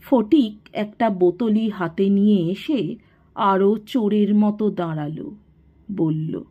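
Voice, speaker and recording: Woman narrator for a classic story, slow, very expressive, somewhat muffled sound. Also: medium pitch.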